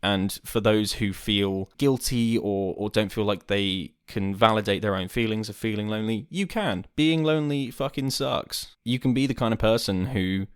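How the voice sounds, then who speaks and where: A man hosting a podcast, talking earnestly and rambling a little, swearing casually, from a dark room. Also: on the low side, steady tone, moderate pace, few pauses, smooth, dry recording, studio quality. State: hiccuping. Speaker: podcast host. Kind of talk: casual podcast monologue and chat. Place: dark room lit by candles.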